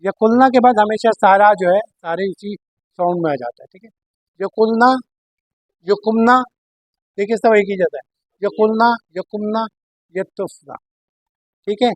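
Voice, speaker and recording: High-voiced man teaching grammar. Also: unhurried, long pauses, no room sound. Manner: patient, repeating each form with its meaning. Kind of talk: Arabic grammar lesson.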